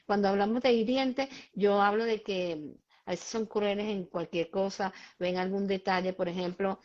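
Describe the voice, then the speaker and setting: A woman's voice: mid-range voice, fairly even intonation, normal speed, a little mellow. Emphatic woman hosting a lo-fi livestream. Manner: emphatic, explanatory, gives examples to parents. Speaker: host and child behavior specialist. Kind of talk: live-streamed conversation.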